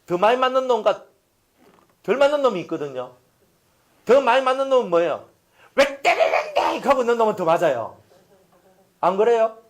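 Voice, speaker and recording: A male pastor delivers a sermon in a folksy, animated manner. His pitch sits a little high and swings widely as he acts out everyday scenes. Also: brisk, pauses often.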